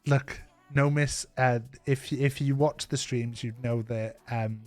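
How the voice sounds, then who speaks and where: A man's voice: medium pitch, fairly even intonation, slow pace, soft background music. Welsh man joking on a stream. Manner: joking, rambling with fillers. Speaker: streamer host. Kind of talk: casual chat on a live stream. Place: home streaming setup.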